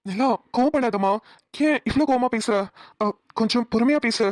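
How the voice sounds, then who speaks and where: A woman voicing a patient young husband in a cartoon, speaking softly and apologetically. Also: on the high side, normal speed, no room sound, close to an everyday voice. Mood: coaxing. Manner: soft, coaxing, apologetic. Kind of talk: cartoon voice acting.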